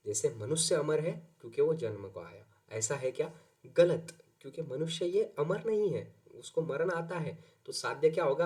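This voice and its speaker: This exam-prep teacher has a mid-pitched, slightly mellow voice. He explains by repeatedly asking rhetorical questions and supplying the answers.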